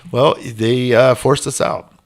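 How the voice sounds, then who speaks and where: Gravelly man telling an intense story. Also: medium pitch, steady tone, slow pace. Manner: earnest, intense, swings between quiet and loud. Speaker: interview guest. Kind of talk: emotional storytelling.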